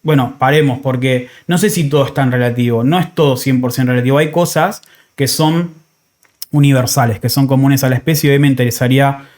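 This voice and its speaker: In a steady, slightly mellow mid-range voice, a thirtysomething man with an Argentine accent hosts a podcast at a brisk pace. His talk is casual and reflective, and he often rephrases himself mid-thought.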